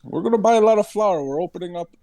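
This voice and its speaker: Casting: man as bluffing tabletop-game adventurer, feigned innocence, creaky mellow voice, hesitant delivery. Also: sits high, lively intonation, rapid-fire. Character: bluffing adventurer posing as innocent flour-buying innkeeper.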